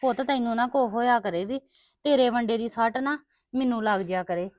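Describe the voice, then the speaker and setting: A woman's voice: on the high side, brisk, a little mellow, no echo, clean studio sound, close to an everyday voice. A woman playing a stepmother who soothes and pleads affectionately, in an amateur family drama. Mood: tender. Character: doting young stepmother, soft and caring.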